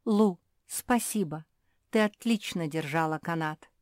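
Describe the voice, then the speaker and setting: Lady doing a cheery little girl dog, blunt, slow, dry sound. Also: low-pitched, a little mellow, dry recording. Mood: cheerful. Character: plucky, frank young female dog.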